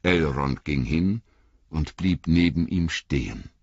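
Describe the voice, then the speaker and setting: A man reading a fantasy novel aloud as audiobook narrator, slow and expressive. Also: a bass voice, gravelly, husky, dry recording. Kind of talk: scripted narration. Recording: slightly muffled dry recording.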